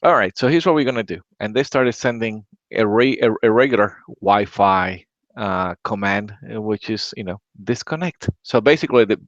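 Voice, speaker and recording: Casual tech-podcast host, Latin American man, rambling and low-pitched, dull lo-fi sound. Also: moderate pace, dry recording. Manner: rambling, repeats words, many "right?" tags. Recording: dry, dull lo-fi audio.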